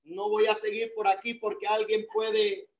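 A male pastor preaching a sermon over a video call, emphatic and swelling into shouts. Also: high voice, flat delivery, unhurried, dull audio.

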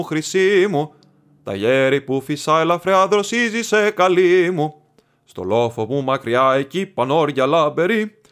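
A man reading an audiobook, singing the part of a jolly, carefree male forest dweller in a raised, loud, drawn-out sing-song voice. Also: on the high side, clean tone, voice pushed up. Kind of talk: audiobook reading, sung nonsense verse.

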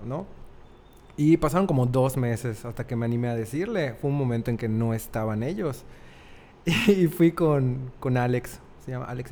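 A man's voice: mid-range voice, a little mellow. A young man with a Mexican Spanish accent, telling a personal story in a casual chat and laughing often. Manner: chatty, laughs often, acts out quoted voices.

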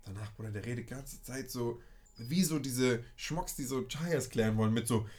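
A man's voice: mid-range voice, normal speed, a little mellow. A young man, casually telling a story in a podcast chat and peppering it with street slang.

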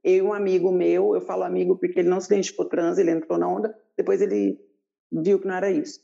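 A woman recounting her own story in an interview, animated and lively, jumping up in pitch whenever she acts out what someone said. Her voice is gravelly and mellow, and the recording sounds dull and lo-fi. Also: quick pace. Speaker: guest telling her life story.

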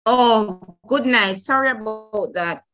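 A woman's voice: fairly high pitch, fairly bright tone, faint music behind. Woman on a glitchy, breaking-up call. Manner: halting, repeatedly checking if she is heard. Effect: glitchy, breaking-up online call audio with static. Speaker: student asking a question in an online class. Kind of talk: casual remote call. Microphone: video call.

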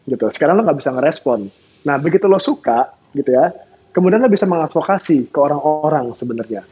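A man's voice: on the high side, expressive, fast, music in the background. A man, a producer guest on a podcast, explaining things in a lecturing way in casual chat. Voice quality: husky. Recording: dull lo-fi sound.

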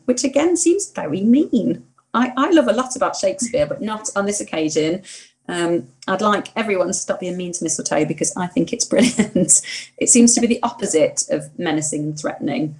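Earnest woman, lowish voice. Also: rough recording. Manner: earnest, warmly opinionated, talks herself into mild indignation. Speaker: podcast co-host. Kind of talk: casual podcast chat.

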